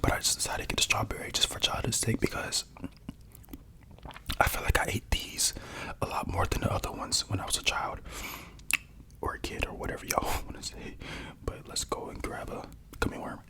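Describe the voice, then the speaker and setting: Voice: fairly quick, pauses often. A young adult whispering casual stories at home while eating snacks into a close mic for an ASMR video. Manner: soft rambling whisper with crunching and chewing sounds.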